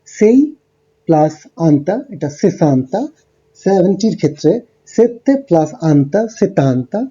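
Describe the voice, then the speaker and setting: A man teaches a beginner language lesson over slides, walking through each point step by step with little ums and pauses. His voice is very dark and mellow, pitched a touch high for a man. The recording sounds dull and lo-fi. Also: husky. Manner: explains step by step with fillers.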